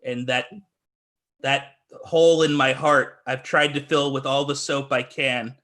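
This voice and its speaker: A man co-hosting an improvised comedy scene over a home video call, halting and melodramatic. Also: mid-range voice, flat delivery, a bit bright. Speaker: improv co-host.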